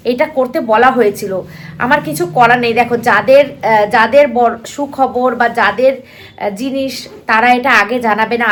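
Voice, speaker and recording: Young woman vlogging, talkative, lots of fillers, kinda high voice. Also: fairly bright tone, a little hiss or hum. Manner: talkative, addresses viewers directly, many fillers. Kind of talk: casual chatty vlog to viewers.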